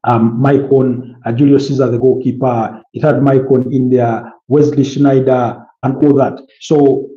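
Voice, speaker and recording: A man's voice: mid-range voice, level tone, unhurried, hardly any pauses. A man in his early thirties, a football pundit on a casual talk show, rambling with many fillers and restarts as he lists player names. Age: early 30s. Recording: roomy, dull lo-fi sound.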